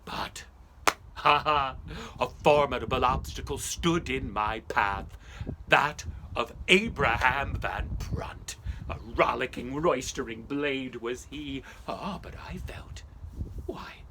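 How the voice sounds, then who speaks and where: A man's voice: mid-range voice, takes it slowly, noisy background. An actor playing Ichabod Crane, a lean, vain, superstitious schoolmaster, telling his tale in a theatrical monologue with old-fashioned phrasing, sudden shrieks and whispers. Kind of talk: theatrical first-person storytelling monologue.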